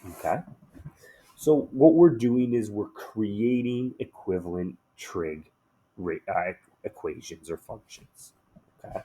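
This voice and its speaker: Taking it slowly, a man whose voice is on the low side runs a relaxed, conversational math lesson. He is slightly hoarse after a day of shouting and often checks in by asking "okay?".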